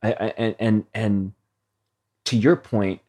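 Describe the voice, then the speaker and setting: A man's voice: lowish voice, fairly even intonation, slow pace, warm tone. A man hosting a podcast as a coach, talking earnestly and reflectively about his own experiences in a heartfelt conversation.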